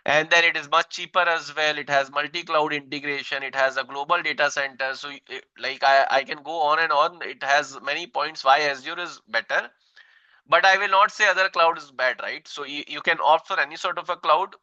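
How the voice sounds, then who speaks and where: An Indian English-accented man in his thirties runs an online tech lesson, circling back over his points and tagging them with "right?". His voice is very bright and clean, pitched a bit high for a man. The recording is dry but somewhat dull and lo-fi. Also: fairly even intonation, brisk, no echo. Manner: repeats himself, frequent "right?" tags. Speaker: instructor.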